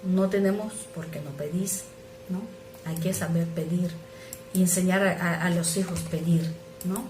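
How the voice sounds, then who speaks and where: A woman's voice: on the low side, fairly even intonation, unhurried, warm tone, slight background noise. A woman preacher giving an earnest sermon on parenting, often checking in with rhetorical questions. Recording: roomy echo.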